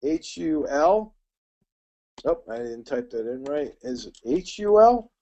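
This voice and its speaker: A middle-aged man teaching a live trading webinar. He talks quickly and chattily and calls attendees by name. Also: on the high side, very animated, dark tone.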